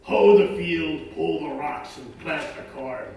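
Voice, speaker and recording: A gruff peasant farmer, as played by a man, speaking slowly with a gravelly, creaky edge. He is blunt, crude and earthy. He is heard from far off in a big, echoing space. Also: on the high side, dark tone, slight background noise. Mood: bitter. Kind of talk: stage acting. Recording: roomy stage sound from far off.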